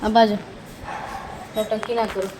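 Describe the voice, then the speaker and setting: A woman's voice: medium pitch, little pitch movement, a little slow, noisy background. A mother at home firmly scolding her child, giving stern commands over and over. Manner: stern, firm, repeating commands.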